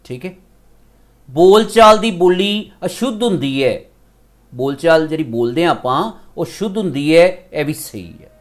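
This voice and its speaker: A male school teacher with a Punjabi accent, slowly explaining a grammar lesson step by step, switching between two languages. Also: fairly high pitch, animated.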